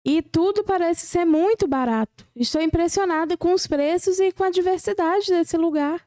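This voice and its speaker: High-pitched Brazilian-accented female co-host, casual, impressed and curious reactions, dry sound. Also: fairly quick, mellow, no echo.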